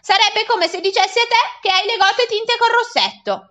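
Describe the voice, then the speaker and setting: A woman reading aloud and voicing an offended, melodramatic middle-aged lady with a shrill, theatrical manner. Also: normal speed, fairly bright tone, dull audio. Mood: huffy.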